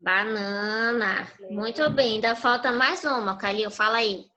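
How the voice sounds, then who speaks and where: A woman's voice: on the high side, moderate pace, pushed and bright, low-quality recording. A woman teacher giving a patient online review class to young children over a video call, prompting them with fill-in questions.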